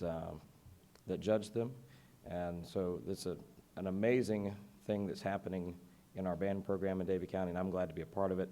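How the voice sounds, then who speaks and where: Man, band director, voice going hoarse, halting speech at a school board meeting. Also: low voice, mellow. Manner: halting, many fillers. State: losing his voice.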